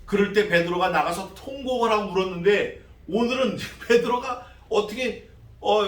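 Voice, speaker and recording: A male pastor preaching an expository sermon in a church, animated and conversational, acting out the voices of the figures he speaks of. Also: a little high, reverberant, recorded from a distance. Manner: conversational, asks the congregation questions. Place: church sanctuary.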